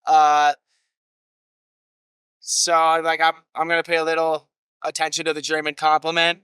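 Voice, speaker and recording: A man telling tour stories in a loose, rambling way, swearing casually. His voice sits fairly high and bright. It is clean and close in a dry room. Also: completely flat delivery, unhurried, clean tone, no room sound. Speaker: guest musician. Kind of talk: casual storytelling.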